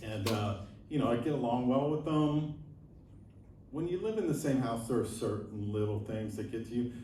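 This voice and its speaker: A man's voice: mid-range voice, animated, dark tone, a little hiss or hum. Rambling man in his sixties doing stand-up. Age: 60s. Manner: rambling, halting, self-deprecating delivery with many fillers. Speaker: stand-up comedian. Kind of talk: stand-up set. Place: live comedy venue with audience laughing. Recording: echoey room, mic at a distance, crowd laughter.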